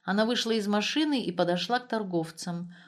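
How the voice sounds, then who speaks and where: A woman reading a story aloud. Her narration is calm and even, told at a steady storyteller's pace. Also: medium pitch, brisk.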